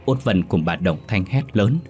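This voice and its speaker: A man reading a ghost story aloud in scripted narration, steady and solemn. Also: low voice, normal speed, breathy edge. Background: faint music.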